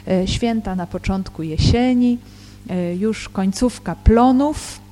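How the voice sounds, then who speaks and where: Slow, measured woman reading scripture. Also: mid-range voice, mellow. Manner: measured, deliberate reading with hesitant fillers when explaining. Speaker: Bible teacher. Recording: long reverb with faint background music.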